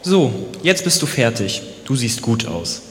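A man's voice: medium pitch, very animated, unhurried, fairly bright tone, roomy sound, long reverb tail. A man playing a stern, patient potter who keeps answering curtly and with a growl. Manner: growling, curt.

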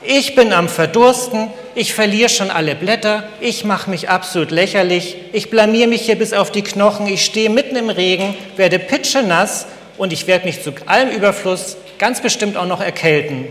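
A man's voice: on the high side, fairly bright tone, echoey room, long reverb tail, lightly acted. A man voicing a grumpy, complaining female sunflower who scolds and pities herself in a storybook tale. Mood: frantic wailing. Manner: whiny, scolding, quick to self-pity.

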